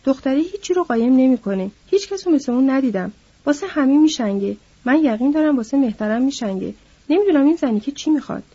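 A loud, gossiping young ranch hand, as a woman reader puts him on, pitched a little high and mellow, with a husky edge. He talks eagerly about town and the girls, loud and lively. The reading is on a dull lo-fi recording.

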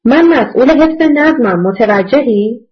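A woman's voice: on the high side, lively intonation, lightly acted. A woman voicing a self-important male police officer who speaks in a dignified, condescending tone, on a dull lo-fi recording.

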